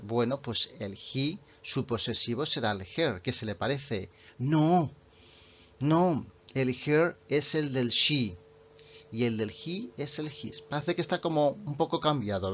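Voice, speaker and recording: A man, a native Spanish speaker, explaining English grammar in an online lesson and slowing right down to read example sentences. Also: mid-range voice, animated, a bit bright, lo-fi sound. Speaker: English teacher.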